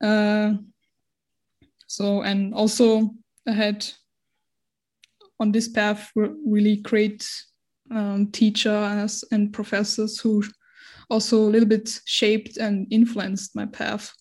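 In a casual interview, a twenty-something woman from Austria, whose first language isn't English, talks hesitantly while hunting for words. She speaks slowly in a medium-pitched, darkish voice with a completely flat delivery.

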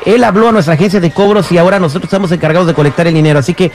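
A man with a Mexican accent hosting a morning radio show, running a prank call in a brisk, mock-official, teasing way. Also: high-pitched, darkish tone. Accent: Mexican Spanish. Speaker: radio host.

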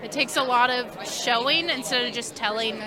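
A woman's voice: on the high side, normal speed, a crowd in the background. A young woman from Eastern Kentucky giving enthusiastic, casual answers in an interview outdoors at a convention. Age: young adult.

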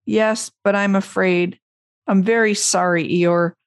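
A woman's voice: medium pitch, steady tone, slow, no room sound, clean studio sound, voice pushed up. A woman voicing a small, timid, apologetic male piglet from a children's storybook, meek and faltering. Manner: faltering, meek, anxious to please.

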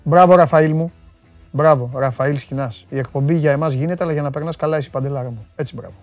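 A man's voice: fairly high pitch, no echo. A man hosts a sports talk show, reading out viewer comments and trading jokes with his crew. His voice is dry and close, and faint music plays underneath. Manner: joking, animated, banters with studio crew.

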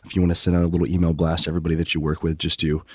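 Guy cohosting a casual podcast, stuffy nasal voice, talks fast, dry close sound. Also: low-pitched, completely flat delivery, breathy edge, no echo. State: congested from a cold. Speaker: podcast co-host.

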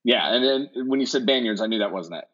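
A man's voice: on the low side, expressive, quick pace, fairly bright tone. A man co-hosting a casual movie podcast, rambling with restarts and fillers, often laughing. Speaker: podcast co-host. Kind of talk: casual movie-list chat. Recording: dull lo-fi recording.

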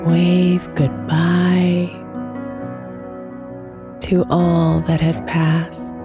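A woman host speaking a slow, soft guided meditation prayer, some lines near a whisper. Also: on the low side, completely flat delivery. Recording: music bed under the voice. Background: soft new-age guitar music.

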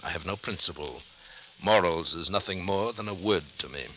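An actor playing a suave, cold-blooded hired killer in an old radio drama, with formal, mannered diction and a silky, menacing delivery. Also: male voice, deep voice, normal speed, muffled recording, a little hiss or hum, lightly acted. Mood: coolly menacing. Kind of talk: 1950s radio drama acting.

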